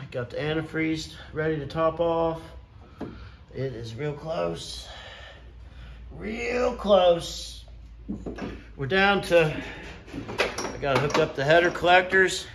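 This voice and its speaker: A man's voice: on the high side, a bit bright, echoey room, slight background noise. A man, a mechanic chatting casually in a folksy, plainspoken way while he works. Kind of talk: casual chat while working on a truck.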